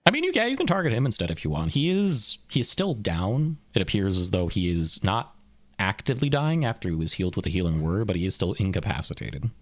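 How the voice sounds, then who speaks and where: A man running a tabletop game as game master, lively and quick to laugh. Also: lowish voice, no room sound. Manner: lively, laughs often, quick apologetic asides.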